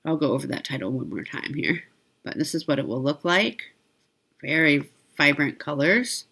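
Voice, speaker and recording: With a low, expressive voice and a sharp tone, a woman hosts a needlework shopping video, giving a casual product showcase at a moderate pace. She's chatty and informal, often adding asides and correcting herself.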